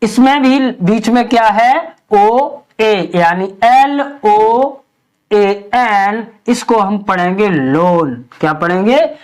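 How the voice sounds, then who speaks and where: A woman teaching English spelling in a slow lesson, spelling out letters one by one and asking and answering her own questions. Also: mid-range voice.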